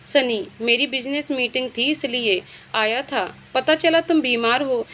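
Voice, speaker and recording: A woman voicing a gentle, devoted young man in a storybook reading. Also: sits high, measured pace, a little hiss or hum. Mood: tender.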